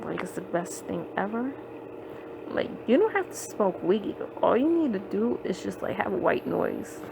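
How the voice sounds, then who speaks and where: A woman's voice: mid-range voice, very animated, moderate pace, creaky, noisy background. A woman hosting a podcast, rambling casually with lots of fillers and swearing, recorded on her phone. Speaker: podcast host. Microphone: phone microphone.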